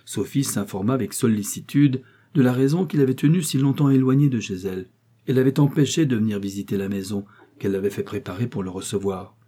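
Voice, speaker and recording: A male narrator reads a classic novel aloud in a measured, expressive audiobook style. His voice is mellow and warm, with a husky grain. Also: fairly low pitch. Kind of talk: scripted narration.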